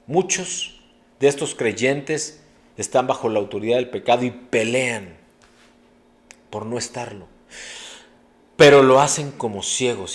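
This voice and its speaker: A middle-aged man preaching a sermon as a pastor, earnest and preacherly, with sudden emphatic rises. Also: lowish voice.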